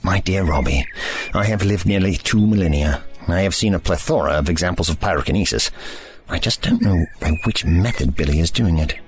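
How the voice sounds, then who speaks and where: An actor playing a cantankerous, ancient time-travelling doctor in an audio drama, with formal, wordy diction and an impatient manner. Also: male voice, deep voice, lively intonation, fairly quick. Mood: brisk, pensive. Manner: pompous, impatient.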